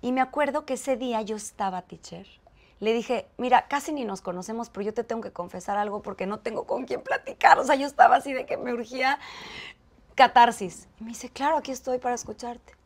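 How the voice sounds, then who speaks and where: This interview guest, a woman with a Mexican accent, talks briskly in a higher voice while sharing a personal story. She animatedly acts out the lines people said in it.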